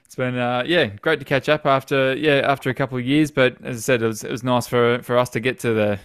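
A man's voice: mid-range voice, steady tone, fast talker, fairly bright tone, clean tone, dry recording, clean studio sound. An Australian man hosting a casual podcast, giving short replies and laughing often. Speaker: podcast host.

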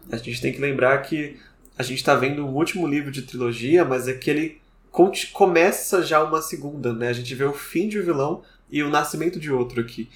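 A man co-hosting a podcast, chatty and wry as he talks through a book's plot. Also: fairly high pitch. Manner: chatty, wry asides, frequent "né". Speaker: podcast co-host discussing a book. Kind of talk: casual book discussion. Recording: roomy echo.

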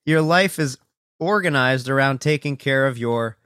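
A man's voice: medium pitch, normal speed, a bit bright, clear, resonant tone, dry recording, clean studio sound. A man hosting a casual video call chat, talking in a thoughtful, hedging way with many fillers.

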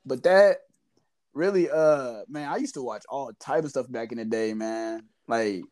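A man's voice: medium pitch, unhurried. A man co-hosting a casual podcast chat, slangy and laughing often. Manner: loud laughing, slangy, animated. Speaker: podcast co-host.

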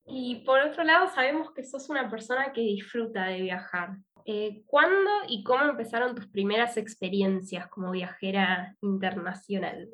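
A woman's voice: mid-range voice, moderate pace, hardly any pauses, a bit bright. A woman who hosts a radio show and asks a guest friendly questions. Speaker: radio host. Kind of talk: radio interview.

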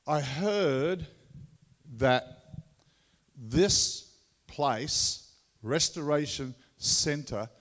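A man with a Tasmanian Australian accent gives an informal sermon as a visiting preacher, halting and conversational, often repeating his words. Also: a little high, animated, a bit bright. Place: large room or hall, speaking to a congregation. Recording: echoey hall with long reverb.

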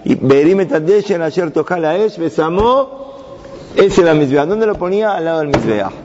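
A man's voice: on the high side, animated, moderate pace, background noise. A man teaching a Torah lesson to young students, asking the class questions and answering them himself. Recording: dull sound with long reverb.

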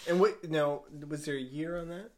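A man's voice: fairly high pitch, normal speed. A man co-hosting a casual chat, curious and always asking follow-up questions.

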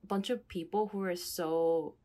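Her voice fairly low, warm and fairly even in intonation, a young adult native Korean speaker from South Korea chats reflectively with a conversation partner. She's casual but halting, groping for words and saying "like" a lot.

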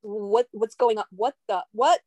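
A woman's voice: mid-range voice, measured pace, darkish tone, dry recording. A woman from Russia, a native Russian speaker, talking reflectively as a podcast guest and searching for her words. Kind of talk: casual podcast chat.

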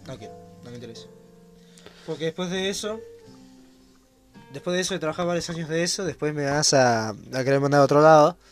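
A young man with an Argentine accent talks in a casual podcast chat, quick and blunt, cracking jokes as he goes. His voice sits a little high. Soft music runs underneath. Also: fairly even intonation. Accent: Argentine Spanish. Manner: jokey, blunt, fast-talking.

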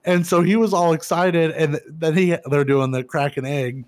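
A man in his thirties co-hosting a casual podcast, laid-back and profane, who gets loud and animated when retelling funny scenes. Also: fairly high pitch, moderate pace. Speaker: podcast co-host. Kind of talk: casual chat.

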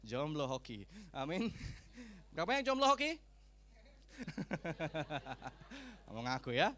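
A man preaching a sermon, humorous and animated, acting out what people say. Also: on the high side, takes it slowly. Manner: humorous, animated, acts out quoted speech. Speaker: pastor.

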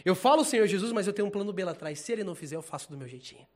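A man preaching an informal sermon in a casual, animated, slangy way, laughing often. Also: high-pitched, very fast.

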